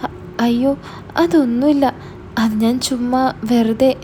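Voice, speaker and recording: A woman's voice: on the high side, a little slow, warm tone, a little hiss or hum, lightly acted. A frightened stammering teenage girl, voiced by a woman. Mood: scared pleading. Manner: hesitant, stammering. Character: teenage girl, younger sister, scared and pleading.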